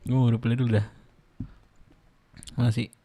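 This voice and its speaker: A man's voice: mid-range voice, flat delivery, moderate pace, dark tone. A young man streaming a game roleplay, chatting casually in slang and laughing often.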